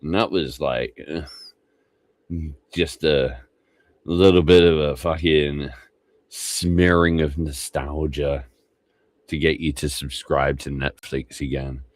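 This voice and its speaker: A man's voice: extremely low pitch, steady tone, slow pace, pauses often, no echo. A tired man rambling and swearing casually as he streams live reaction commentary. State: tired, low energy.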